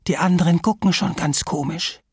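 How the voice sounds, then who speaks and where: A man voicing a timid, shy lame duck who speaks slowly and in a hushed, pleading way. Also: a little high, husky, no echo, studio quality, voice pushed up. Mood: hissing.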